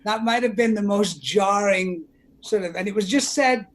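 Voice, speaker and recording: Man, panelist, lively storytelling, acts out quotes, video call. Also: sits high, normal speed. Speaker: panelist actor. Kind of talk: casual anecdote.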